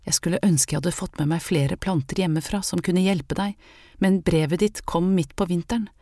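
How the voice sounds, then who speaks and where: Soft kind young maid in an audiobook, read by a woman, warm mellow voice. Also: lowish voice, no room sound, studio quality, natural voice. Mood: gentle. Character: young maid, gentle and caring.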